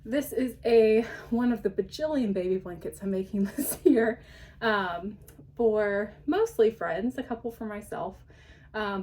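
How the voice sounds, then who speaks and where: A woman's voice: mid-range voice, a little mellow. Chatty woman, slightly out of breath. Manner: chatty, rambling, with frequent ums and light laughs. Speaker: podcast host. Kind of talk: casual show-and-tell chat.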